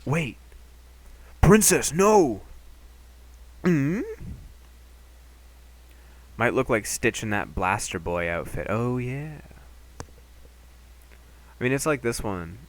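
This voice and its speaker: A man's voice: fairly low pitch, measured pace, pauses often. A young man streaming a game, chatting casually and joking with his viewers. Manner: chatty, jokey, animated.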